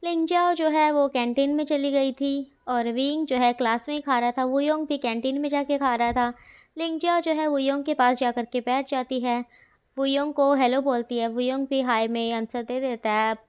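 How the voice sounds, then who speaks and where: Woman narrator, high voice, casual storytelling read with listener asides. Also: steady tone, moderate pace. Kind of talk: fan-fiction story reading.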